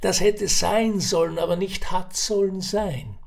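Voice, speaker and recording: A man's voice: sits high, steady tone, unhurried, creaky, pitched above the performer's own voice. A man voicing an older, chatty and scheming businessman in an audiobook reading. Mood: persuasive. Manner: persuasive, wheedling, talkative.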